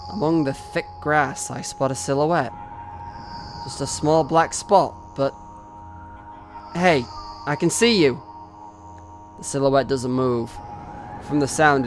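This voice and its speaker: Reading a visual novel in first person, a mid-range male voice moves slowly and expressively. At moments his delivery climbs into anxious cries.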